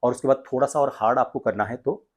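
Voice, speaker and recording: A man from India works as a voice coach, presenting directly to his viewers in an instructional tutorial that walks through things step by step. His voice is mid-pitched and a little mellow, and he talks at a quick pace.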